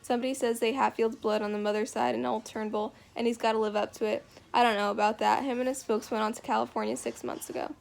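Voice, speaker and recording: A woman's voice: fairly high pitch, little pitch movement, fast talker, creaky, hardly any pauses. A woman reading the lines of a lonely, bitter middle-aged farmer man who rambles in a drawling rural dialect. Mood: talkative.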